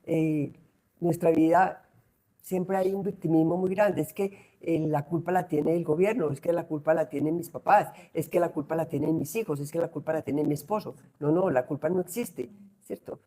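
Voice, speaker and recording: Animated Colombian woman, mellow voice. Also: deep voice, normal speed. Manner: animated, acts out examples with raised voice. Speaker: guest speaker on spiritual growth. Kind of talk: reflective conversational teaching.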